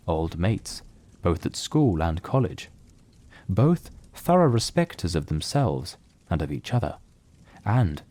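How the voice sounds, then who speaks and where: A man with a deep, mellow voice narrates a literary mystery as a scripted audio drama, telling the story in a measured, solemn manner.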